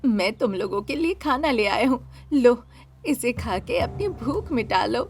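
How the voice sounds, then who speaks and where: A woman doing a slow, gentle old beggar man. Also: on the high side, lively intonation, slightly rough, soft background music, exaggerated voice. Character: kindly wandering male beggar, gentle and slow.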